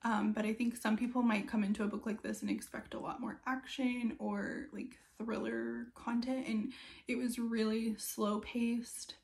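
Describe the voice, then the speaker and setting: A woman's voice: a little high, flat delivery, unhurried, vocal fry, darkish tone. A woman around her thirties giving a casual, chatty book review in a conversational way, with loose asides. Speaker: book reviewer and video host.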